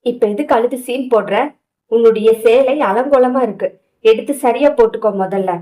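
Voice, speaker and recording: A woman reading an audio novel, voicing a brusque but caring young husband in a gruff, scolding manner. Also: on the high side, moderate pace, mellow, lightly acted, low-quality recording.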